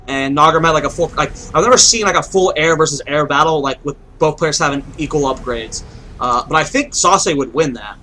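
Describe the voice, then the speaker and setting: A young man calls a video game match alone, his voice pitched high and bright. He rambles, thinks aloud and restarts his sentences, with a faint hiss underneath. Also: low-quality recording. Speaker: game caster. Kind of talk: esports play-by-play commentary.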